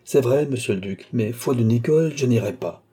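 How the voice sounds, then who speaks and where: A man reading aloud gives voice to a flustered, cunning young maid who pleads and protests. The tone stays dark and husky, hardly changed from his own reading voice. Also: mid-range voice, lively intonation, fairly quick. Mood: pleading, protesting. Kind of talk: audiobook reading.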